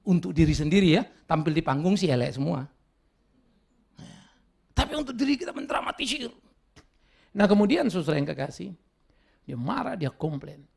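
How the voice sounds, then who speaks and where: Gravelly, animated male preacher. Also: a little high, normal speed, pauses often. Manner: animated preaching with dramatic voiced quotes; mixes in English words. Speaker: pastor. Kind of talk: sermon.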